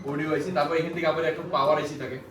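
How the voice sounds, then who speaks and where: A phone repair instructor with a slightly high, fairly even, somewhat bright voice races through an indoor class. He explains emphatically, repeats points, and often asks rhetorical questions to check in. The room is echoey, the mic distant, with faint background noise.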